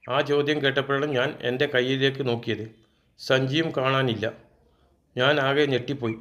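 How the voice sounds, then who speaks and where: A man's voice: mid-range voice, fairly even intonation, moderate pace, a bit bright. A man narrating a first-person childhood story as a storyteller.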